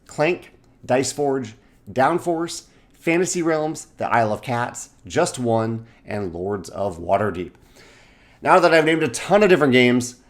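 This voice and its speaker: A man in his forties who hosts a board game channel, talking casually and correcting himself as he rambles through lists of titles. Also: medium pitch. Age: 40s. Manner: rambling, self-correcting, listing titles in quick bursts. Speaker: game designer and channel host. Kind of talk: casual video monologue.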